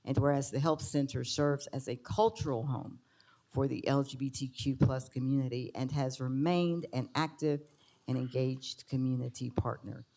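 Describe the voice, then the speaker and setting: A county commissioner reads an official resolution in a formal, notary-like recitation. The voice sits at a medium pitch with a gravelly, creaky edge and a soft, relaxed tone. Phrases are set out one by one in a measured, official way.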